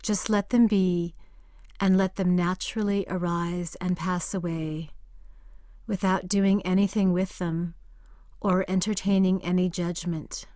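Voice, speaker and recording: A woman leads a guided meditation at a very slow, unhurried pace. Her voice sits a little low and stays soft and calm, sometimes sinking into a whisper. The sound is dry and close, with no room around it. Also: no room sound.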